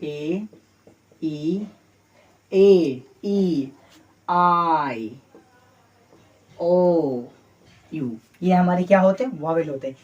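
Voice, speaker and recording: A man's voice: fairly high pitch, very slow, long pauses, lo-fi sound. A male English teacher giving a Hindi-language lesson, drilling letters by repeating them and prompting the class with rhetorical questions.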